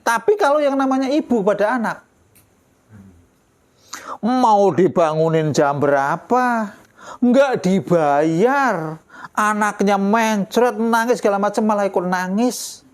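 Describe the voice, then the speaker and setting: A man, teaching a relaxed religious lesson as a kiai, chatty and joking, quoting Arabic verses. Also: sits high, slow pace, pauses often. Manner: chatty, jokey, laughs often, quotes Arabic verses. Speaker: kiai teaching a kitab study.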